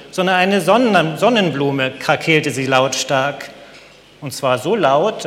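A man narrating a storybook tale in a gentle, measured way. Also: fairly high pitch, big-room sound, a little hiss or hum.

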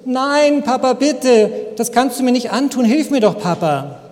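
A man's voice: high voice, big pitch swings, takes it slowly, a little mellow, full character voice. A man voicing a frightened little boy of four or five, who pleads and sobs with a trembling voice. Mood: panicked pleading. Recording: long hall reverb.

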